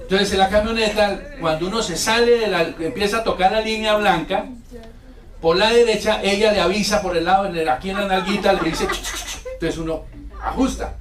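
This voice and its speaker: A male pastor preaching a lively sermon, telling stories and acting out quotes and sound effects. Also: sits high, brisk, crowd noise. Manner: animated storytelling, acts out quotes and sound effects. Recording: echoey room, mic far off.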